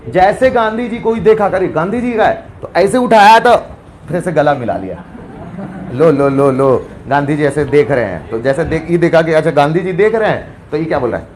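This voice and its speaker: High-voiced playful teacher. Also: male voice. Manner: playful, storytelling, quizzes students. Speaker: chemistry teacher. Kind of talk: classroom lecture. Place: classroom.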